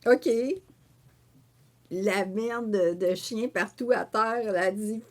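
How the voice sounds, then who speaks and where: A woman with a Québécois French accent, a painter and author telling a story in an interview. She acts out her own quoted remarks and fills pauses with "euh" and "tu sais.". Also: medium pitch. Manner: animated storyteller who voices her own quoted remarks, with frequent fillers. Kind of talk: conversational storytelling.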